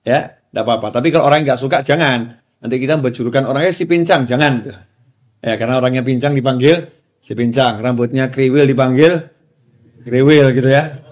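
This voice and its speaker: A man's voice: mid-range voice, brisk, a little mellow. A man giving a short religious lecture, casually retelling a story and repeating his phrases. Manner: casual, repeats phrases, acts out quoted dialogue. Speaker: Islamic preacher.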